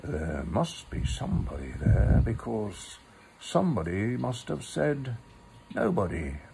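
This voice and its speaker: A man acts out a friendly, slow-witted bear from a storybook. He is polite and ponderous, with a lively rise and fall and a gravelly edge, over some background noise. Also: lowish voice, heavily acted. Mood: puzzled. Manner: ponderous, polite, humming to himself. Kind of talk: storybook character voice.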